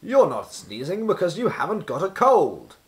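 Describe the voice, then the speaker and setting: A man voicing a wise old storybook wizard, brisk, commanding and exclamatory, speaking in grandly wordy phrases. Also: high voice, wildly swooping pitch, pitched above the performer's own voice. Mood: emphatic, indignant.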